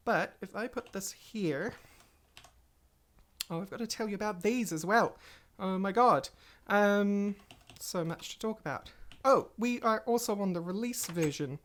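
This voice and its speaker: Hosting a gaming channel, a woman with a low voice gives casual Let's Play commentary, chatting and rambling loosely to viewers as she plays. A slight cold makes her sound stuffy, and keyboard typing clicks in the background.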